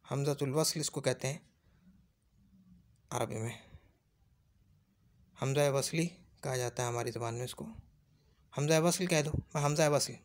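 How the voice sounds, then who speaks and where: Unhurried and pausing often, a medium-pitched man teaches a classroom Arabic grammar lesson, patiently restating points and checking whether listeners have understood. Urdu is his first language.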